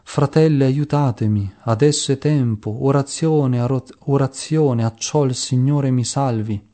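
A man's voice: mid-range voice, steady tone, mellow, natural voice. A man reading as a dying humble old saint. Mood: pleading. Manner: slow, solemn, pleading prayer. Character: dying elderly male saint, humble, pious.

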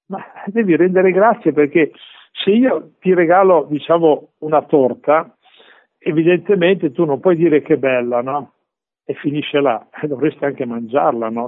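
A man leading a conversational radio meditation, talking in a chatty, animated way with rhetorical questions. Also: on the high side. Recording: phone-like radio broadcast.

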